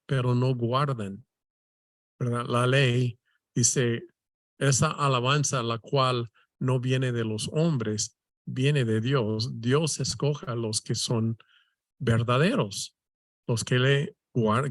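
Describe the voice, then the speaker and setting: A man leading a Bible study, teaching slowly with many restarts and questioning tags. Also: medium pitch, no echo, studio quality. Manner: slow, halting, many restarts and "¿verdad?" tags.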